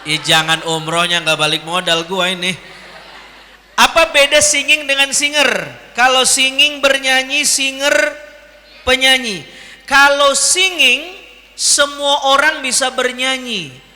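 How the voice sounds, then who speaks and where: A male preacher with a high voice and very bright, sharp tone, speaking in a large hall that rings with long reverb. He teases and jokes with the crowd, asking questions and waiting for answers. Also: level tone, unhurried. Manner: jokey and teasing, quizzing the crowd. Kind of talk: lively Ramadan sermon to an audience.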